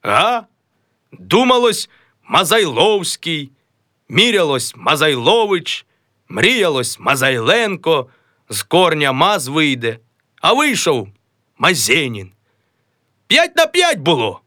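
A man's voice: a little high, very animated, takes it slowly, pauses often, bright, forceful tone, no echo, studio quality, pitched above the performer's own voice, exaggerated voice. A man voicing a rueful old uncle who mocks a family's new name and calls himself a fool. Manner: sardonic, self-reproaching.

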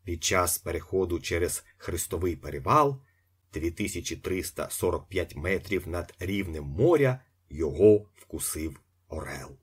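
A man reading a novel aloud as an audiobook, with expressive storytelling narration. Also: deep voice, breathy edge. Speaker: audiobook reader. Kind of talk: scripted narration.

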